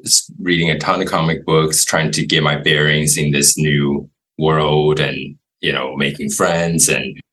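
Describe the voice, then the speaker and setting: A man from Taiwan, a guest in a casual interview, telling his story in a relaxed, rambling way with many fillers. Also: very deep voice, measured pace, hardly any pauses, rough recording.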